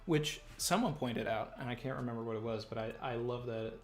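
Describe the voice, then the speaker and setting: A man's voice: medium pitch, fairly quick. Upbeat man hosting a casual livestream. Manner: laughing, upbeat, reads chat aloud. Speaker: host.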